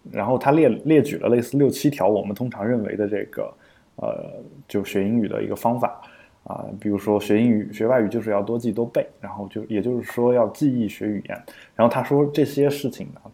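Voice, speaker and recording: A man's voice: on the low side, fairly even intonation, brisk, creaky, warm tone. A man co-hosting a podcast in casual explanatory chat, thinking aloud with frequent fillers and restarts. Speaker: podcast co-host.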